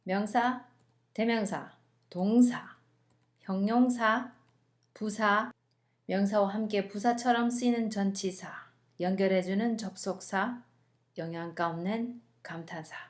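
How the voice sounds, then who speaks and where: A young woman teaching an English lesson in scripted narration, stretching out example words as she coaches pronunciation. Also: medium pitch.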